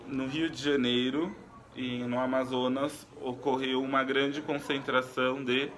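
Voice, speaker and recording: A man teaching a recorded lesson in an unhurried, explaining way, pausing often with fillers and restarts. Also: medium pitch, fairly bright tone, a little hiss or hum.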